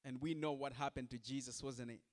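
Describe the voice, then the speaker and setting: A man's voice: mid-range voice, fairly even intonation, brisk. A male pastor preaching a sermon, speaking in short repeated phrases and asking the listeners direct questions.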